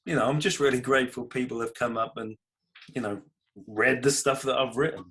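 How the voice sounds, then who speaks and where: Speaking casually and modestly about his own creative work, this British-accented comedy writer and creator is a guest on a podcast interview. He talks fairly quickly at a medium pitch, with a steady, slightly bright tone.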